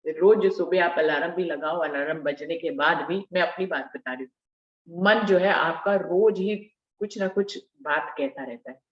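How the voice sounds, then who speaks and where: A woman leading a devotional scripture discussion, explaining verses slowly and repeating key phrases for emphasis. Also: lowish voice, reverberant, muffled recording. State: slightly unwell. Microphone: video call.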